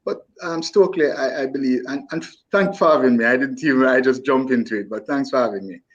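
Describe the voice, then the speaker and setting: A man's voice: medium pitch, fast. A man calling in to a radio talk show, speaking emphatically and stumbling over restarts, his voice coming through a fuzzy, distorted phone line. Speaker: call-in guest. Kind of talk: opinionated radio call-in.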